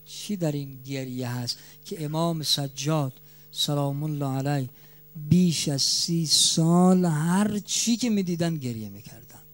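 A man preaching a mourning sermon, his voice swelling loud and dropping soft, stretching key words slowly for emphasis. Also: fairly high pitch.

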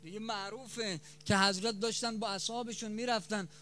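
A man preaching a mourning sermon, his voice swelling loud and dropping soft, stretching key words slowly for emphasis. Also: high-pitched, steady tone, a little hiss or hum.

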